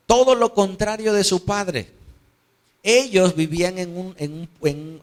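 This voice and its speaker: A man preaching a sermon, conversational and storytelling, checking in with his listeners. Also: high-pitched. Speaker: pastor.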